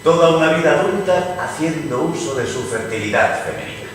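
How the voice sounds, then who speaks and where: A man's voice: on the high side, animated, fairly quick, lightly acted. A man playing a caustic, mocking English poet lord in a dramatized reading, with ornate, insinuating delivery. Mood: sardonic. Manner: wry, insinuating, ornate oratory. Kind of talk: dramatized radio theatre reading. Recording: distant, very echoey noisy room.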